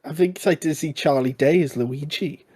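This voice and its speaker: A young man co-hosting a casual podcast, excitable and quick to rant. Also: a little high, slightly rough. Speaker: podcast co-host.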